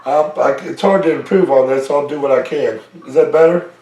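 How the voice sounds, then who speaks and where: A man's voice: mid-range voice, a little fast, background noise. A man interviewing a guest over a phone line that sounds like an echo chamber, asking long questions he restarts as he goes. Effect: echo chamber reverb on his line. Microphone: phone call. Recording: echoey, distant phone line.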